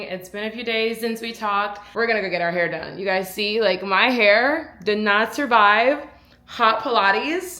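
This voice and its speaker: A young lifestyle vlogger chats casually to camera, addressing her viewers and herself and repeating words for emphasis. Her mid-range voice is bright and forceful, and the room sounds reverberant.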